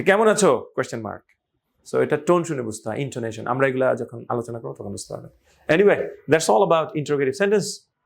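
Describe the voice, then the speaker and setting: A man's voice: mid-range voice, gravelly, breathy edge. A man teaching an English grammar lesson in a casual, playful way, mixing English phrases into his talk.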